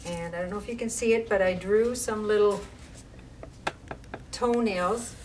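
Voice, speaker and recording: This library storytime reader has a mid-range voice and reads a rhyming children's tale in a slow, deliberate, expressive way, breaking off for casual asides. The mic is distant and picks up faint background noise.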